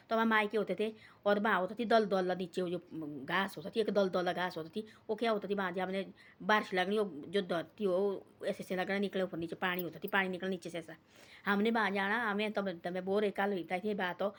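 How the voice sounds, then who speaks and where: Older woman, rambling village storyteller, repeats herself, scolds in asides. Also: mid-range voice.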